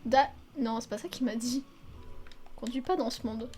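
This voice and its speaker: A woman's voice: on the high side, steady tone, moderate pace, darkish tone. A young woman giving casual, chatty commentary while playing a video game, exclaiming often and swearing freely. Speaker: video game let's player. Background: faint game music.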